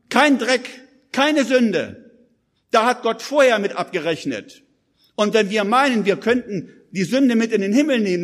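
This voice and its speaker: A man's voice: high voice, in a large hall. A man preaching a live sermon, urgent and emphatic, speaking straight to his listeners. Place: church hall with audience.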